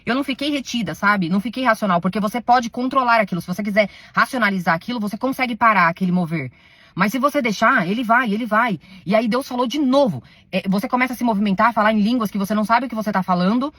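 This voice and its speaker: A woman giving an emotional religious testimony to her followers, defensive and pleading, her voice swinging between hushed and raised. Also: a little high, fast, dry recording. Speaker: self-described servant of God recounting a spiritual experience.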